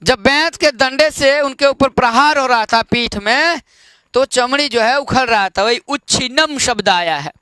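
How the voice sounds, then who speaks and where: Slow, high-voiced male teacher. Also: pushed and bright, clean tone. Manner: slow, explains word by word with repeated check-ins. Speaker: Sanskrit teacher. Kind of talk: online classroom lesson.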